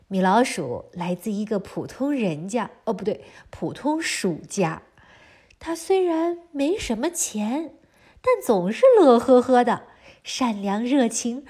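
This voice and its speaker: A woman narrating a story for young children in an animated, explaining manner, often putting questions to the listeners. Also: fairly high pitch. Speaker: storyteller of a children's history podcast.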